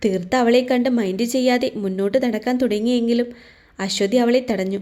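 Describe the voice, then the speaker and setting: A woman narrating a romance story in a measured, scripted reading. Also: fairly high pitch, fairly even intonation, mellow.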